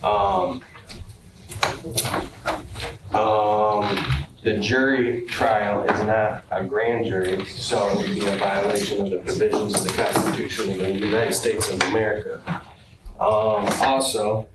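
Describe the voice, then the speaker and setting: A man speaking as a defendant in court, halting with frequent pauses and ums, heard on a courtroom recording. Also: lowish voice, fairly even intonation. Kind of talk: courtroom statement. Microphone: distant room mic. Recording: echoey, noisy distant courtroom recording.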